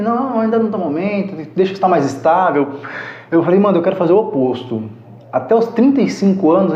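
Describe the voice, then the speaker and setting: A Brazilian man in his thirties telling heartfelt personal stories as a podcast guest. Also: fairly high pitch. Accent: Brazilian Portuguese. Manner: earnest, heartfelt storyteller. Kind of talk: casual storytelling interview. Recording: echoey room, muffled sound.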